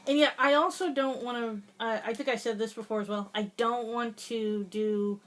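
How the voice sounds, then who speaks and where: A woman's voice: fairly high pitch, steady tone, normal speed, a bit bright. Giggly woman narrating her gameplay. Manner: chatty, giggly, hesitant with many fillers. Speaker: gaming video host. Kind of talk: casual gameplay commentary.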